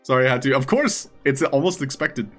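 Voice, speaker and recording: A man's voice: medium pitch, expressive, fairly quick, soft background music. A man hosting a live stream, chatting casually with his viewers.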